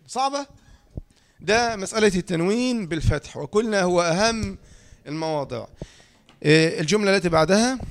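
A man with an Egyptian accent gives a lecture on reading rules, and his voice sits noticeably high. He talks quickly, drilling the same phrases again and again. He keeps prompting his listeners to fill in the missing word. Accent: Egyptian Arabic. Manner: repeats key phrases and quizzes listeners with "إيه؟". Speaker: teacher.

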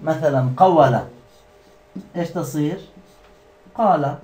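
Guy teaching a class, kinda high voice, says words over slowly and keeps asking the students. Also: mellow, reverberant. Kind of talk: classroom lesson.

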